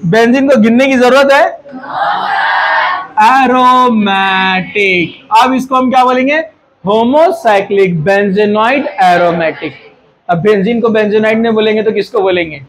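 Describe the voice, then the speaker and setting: High-voiced man teaching a class. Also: rough recording. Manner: quizzing the class, scolding and joking. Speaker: chemistry teacher. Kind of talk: classroom lecture.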